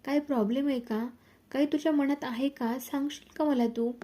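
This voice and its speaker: A soft-hearted elderly grandmother speaks lovingly to her grown son, as a woman narrator puts her on. The voice stays level and mellow, with a slightly high pitch. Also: fairly even intonation, moderate pace, close to an everyday voice. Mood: tender. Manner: affectionate, pleading.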